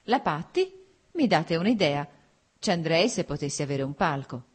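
A woman's voice: deep voice, very animated, normal speed, slightly rough, heavily acted. A woman reading aloud, voicing a proud, wounded young noblewoman who speaks insistently and with emotion. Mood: polite, lively.

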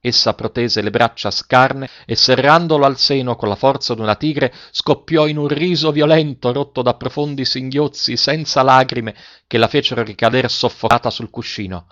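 A man narrating a story in a measured, dramatic reading style. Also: medium pitch, fairly bright tone, dry recording, dull audio.

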